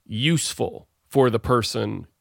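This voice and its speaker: A man's voice: medium pitch, unhurried, gravelly, no room sound, studio quality. A man hosting a show over a video call, talking in a rambling, playful way and often correcting himself. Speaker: podcast host. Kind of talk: casual songwriting chat.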